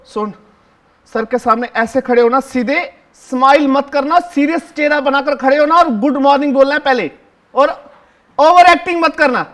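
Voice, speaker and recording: A cheeky seventh-grade schoolboy, played by a man on stage in a one-man show, talking straight to the audience in a very high, boyish voice. He hushes and orders his classmates around and tattles to the teacher, sprinkling "sir" into every sentence. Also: moderate pace. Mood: bossy, tattling. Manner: bossy, chatty, keeps hushing and ordering classmates; fawning toward the teacher, repeats "sir" constantly. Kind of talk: live solo stage acting, addressing the audience.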